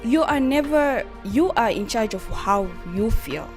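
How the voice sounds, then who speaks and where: Lady on a radio show, kinda high voice, keeps asking rhetorical questions, soft music under. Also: animated, measured pace. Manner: earnest, asks rhetorical questions. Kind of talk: casual radio chat.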